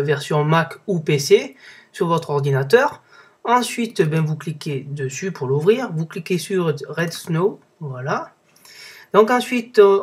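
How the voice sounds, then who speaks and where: A man's voice: a little high, slightly rough. A young man giving a casual spoken tech tutorial, chatty, with many fillers and self-corrections. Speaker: tech video blogger. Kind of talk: casual screen-recorded tutorial.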